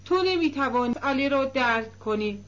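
Woman voicing a young woman in love, storybook, eager and confiding, high voice, dull echoey sound. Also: expressive, a bit bright, slight background noise. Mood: rapturous.

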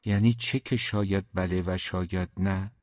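A man's voice: low-pitched, steady tone, no echo. A man voicing a timid, brooding grown man who speaks in a subdued, hesitant way, in a dull, dry recording.

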